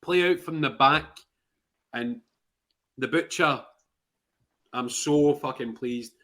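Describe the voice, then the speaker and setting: A man's voice: medium pitch, slow, pushed and bright. A man with a Glasgow accent giving blunt, sweary, emphatic opinions in a casual podcast chat.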